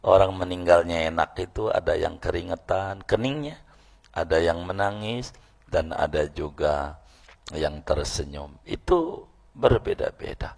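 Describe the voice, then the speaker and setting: Gravelly-voiced man preaching with a lilt. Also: low voice, lively intonation, a little slow. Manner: folksy storytelling, acts out voices, teasing questions to audience. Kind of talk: mosque lecture after midday prayer. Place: mosque.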